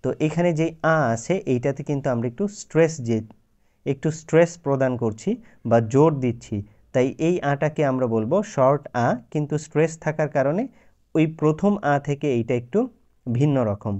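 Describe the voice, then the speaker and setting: A man at a middling pitch gives a YouTube lesson on English pronunciation. He explains step by step in a patient, unhurried way and draws out each example word. The recording is slightly dull and lo-fi. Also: mellow. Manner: slow, patient explaining with drawn-out example words.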